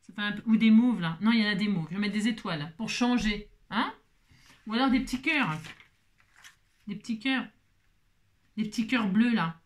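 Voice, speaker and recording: Woman host for a casual craft tutorial, playful and chatty, talks to herself as she works, mid-pitched voice. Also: normal speed, pauses often, a little hiss or hum. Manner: talks to herself and viewers while working, playful teasing asides.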